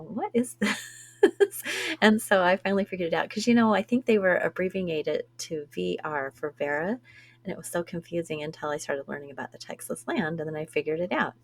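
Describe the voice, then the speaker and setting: A woman co-hosting a genealogy podcast, chatty and quick to laugh at herself. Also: fairly low pitch, creaky. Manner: chatty, laughs easily, self-deprecating. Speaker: podcast co-host. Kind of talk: conversational podcast discussion.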